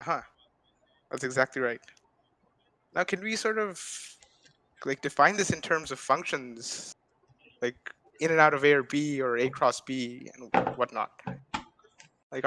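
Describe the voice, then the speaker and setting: A young man, a math student and guest speaker, casually walks through ideas over a video call mic, leaning on hedging fillers and asking "right?" to check in. The young adult's mid-range voice sounds pushed and bright, and the recording is low quality.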